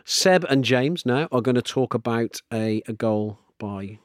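A man's voice: medium pitch, unhurried, no room sound, studio quality. A man hosting a podcast in a casual, chatty way. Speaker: podcast host.

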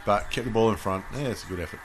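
An Australian man talks football casually as a podcast host watching play unfold. His voice sits fairly low, and there is faint ambient noise behind him. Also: very fast. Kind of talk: casual live football commentary chat.

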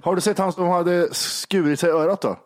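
A man, co-hosting a casual podcast, telling short anecdotes and dropping dry, quick jokes. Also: high voice, fairly even intonation, dry recording. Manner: dry, quick joking quips. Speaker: podcast co-host. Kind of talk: casual chat.

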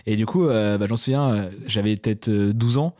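A young man co-hosting a podcast, telling stories in a fast, chatty way with lots of fillers. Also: fairly low pitch, a little mellow, no echo, clean studio sound. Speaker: podcast co-host. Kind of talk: casual chat.

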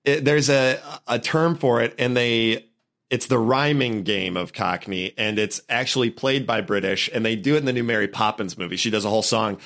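A man's voice: medium pitch, moderate pace, creaky, a bit bright. A man co-hosting a movie podcast, talking in rambling casual chat, often restarting sentences and laughing as he talks. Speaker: podcast co-host.

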